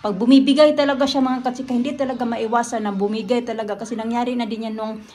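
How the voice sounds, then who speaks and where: Chatting casually, this Filipino family vlogger recounts a story and frequently speaks straight to her audience. She talks fast, with a high-leaning, mellow voice and fairly even intonation.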